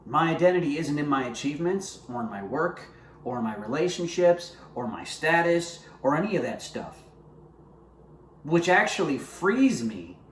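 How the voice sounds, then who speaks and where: A man's voice: medium pitch, a little hiss or hum. Earnest man giving testimony, roomy echo. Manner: earnest, conversational, addresses viewers directly. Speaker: vlogger sharing his faith. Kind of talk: personal testimony to camera. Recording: roomy echo with faint ambience.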